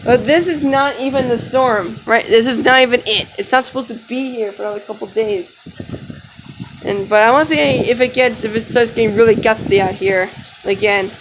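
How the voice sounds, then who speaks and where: A vlogger gives casual, rambling commentary at a middling pitch, filming on a phone outside. The phone mic is swamped by very loud wind and rain noise. The talk is loose and informal, made up on the spot. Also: normal speed. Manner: informal running commentary with frequent "like" and hedging. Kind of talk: casual handheld vlog narration. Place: outdoors in windy, rainy weather. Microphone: handheld phone.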